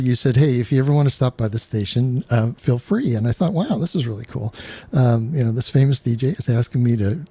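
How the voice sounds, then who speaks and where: A man's voice: mid-range voice, dark tone, no echo. A man hosting a radio show in casual studio chat, talking hesitantly with many fillers and digressions. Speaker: radio host.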